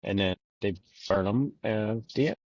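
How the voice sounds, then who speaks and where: Here the same kind of podcast co-host talks loosely about a book, rambling, cracking jokes and cursing freely. His voice is on the low side, a little slow and mellow, captured in a dry, dull lo-fi recording.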